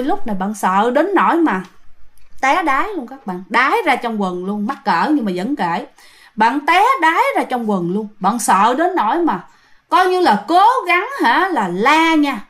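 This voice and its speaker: Brief: high-pitched woman storyteller, lively ghost tale told straight to the audience. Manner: animated, addresses listeners directly.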